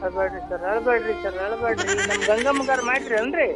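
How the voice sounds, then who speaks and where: A woman's voice: fairly high pitch, fast. A woman from Raichur with a North Karnataka accent, earnestly consoling a caller on the phone and repeating herself. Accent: North Karnataka Kannada. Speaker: prank call target. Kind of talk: phone call. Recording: muffled phone line with music.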